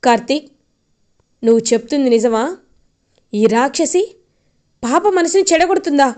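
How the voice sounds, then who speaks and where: A woman's voice: high voice, expressive, moderate pace, darkish tone. A woman voicing a stern old grandfather who harshly rebukes a scheming woman, in a retelling of a TV serial. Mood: furious. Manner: harsh, contemptuous. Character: furious stern old grandfather, head of house.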